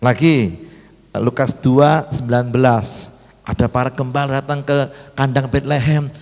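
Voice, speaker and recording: A male pastor preaches in a lively, animated way, breaking into acted asides. His middle-pitched voice rings with a long reverb through a church hall. The sound is that of an old recording from the early 2000s. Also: a little slow. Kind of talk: sermon.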